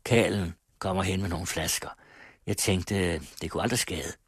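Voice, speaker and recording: A man voicing a brisk, matter-of-fact older family friend in a radio reading of a novel. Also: low voice, slightly rough, dry recording, clean studio sound.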